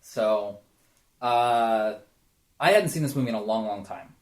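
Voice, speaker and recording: A man's voice: fairly low pitch, a little slow. A young man co-hosting a casual movie podcast, chatty and thinking aloud. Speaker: podcast co-host.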